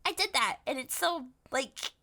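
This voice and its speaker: Host: woman, high bright voice through a voice changer, bubbly and lively, casual stream chat. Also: unhurried. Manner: bubbly, chatty, swears casually. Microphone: USB audio interface setup.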